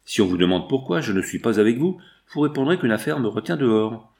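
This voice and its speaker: A man's voice: mid-range voice, big pitch swings, fast, gravelly, a little mellow. A man voicing a resolute young woman giving firm, clipped orders in an audiobook reading.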